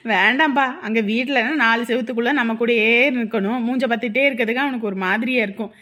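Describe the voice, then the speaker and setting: A woman's voice: on the high side, brisk, a bit bright, lightly acted. A woman playing an emotional, teasing older sister. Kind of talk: village family drama acting.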